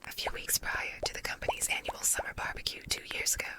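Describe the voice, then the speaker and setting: A woman narrates a story as whispered ASMR reading, keeping to a soft, unvoiced whisper throughout at a quick pace. Her whisper is layered and doubled into a single track.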